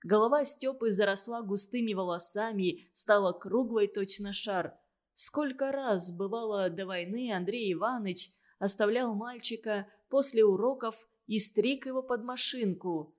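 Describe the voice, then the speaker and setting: A woman narrating a story, reading aloud in a calm, even and expressive way. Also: medium pitch, measured pace.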